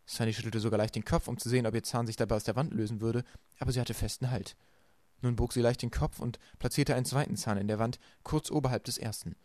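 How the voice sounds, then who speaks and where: A man narrating a storybook with a quick, lively delivery. His voice sits in a middle register and the recording is close and dry, with no room sound. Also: medium pitch, no room sound. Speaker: audiobook reader.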